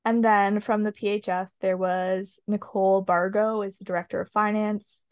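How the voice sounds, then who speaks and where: A woman's voice: medium pitch, little pitch movement, normal speed, clear, resonant tone, dry recording, dull audio. A woman chatting casually on a podcast, opinionated and rambling with lots of ums. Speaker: podcast co-host. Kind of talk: casual chat.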